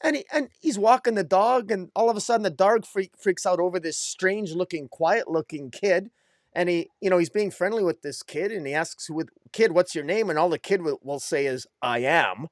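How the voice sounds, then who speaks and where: A man co-hosting a casual comic book review chat, recapping a plot in halting, restarting phrases. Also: high-pitched, dry recording, studio quality. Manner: halting, with many restarts and laughs. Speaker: comic book podcast co-host.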